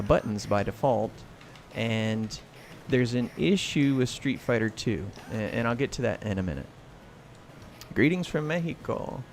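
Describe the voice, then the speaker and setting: An American man hosting a livestream, chatting casually and commenting while he plays. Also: medium pitch. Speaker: livestream host and gamer. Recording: clear noise, game sounds behind. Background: video game sound and clacking arcade buttons.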